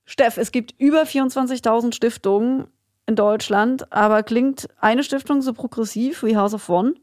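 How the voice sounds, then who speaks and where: A woman's voice: a little high, moderate pace, darkish tone, no echo. Woman podcast host, dry close sound. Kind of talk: casual podcast conversation.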